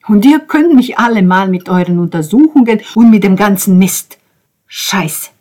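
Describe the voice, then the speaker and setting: A woman voicing an enraged young man who shouts and swears in a German audiobook. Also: lowish voice, level tone, normal speed, vocal fry, slightly rough. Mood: furious. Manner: shouting, swearing, loud and raised. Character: furious young man cursing at everyone. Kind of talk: audiobook character voice.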